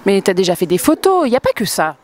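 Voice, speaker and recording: A woman's voice: mid-range voice, big pitch swings, fast, a little mellow. A woman reporter interviewing people at a fashion event, asking informal, direct questions. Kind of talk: casual interview.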